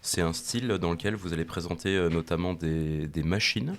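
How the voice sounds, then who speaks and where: A man's voice: low voice, normal speed, a little hiss or hum. A man speaking as a podcast guest about his illustration work, hesitant and full of fillers. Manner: hesitant, many fillers and restarts. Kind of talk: casual podcast chat.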